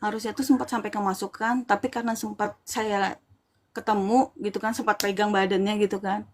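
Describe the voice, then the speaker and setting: A woman with an East Kalimantan accent, casually retelling a personal ghost story in animated detail. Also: medium pitch, fairly quick. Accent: Indonesian, East Kalimantan. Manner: chatty, animated retelling with quoted dialogue.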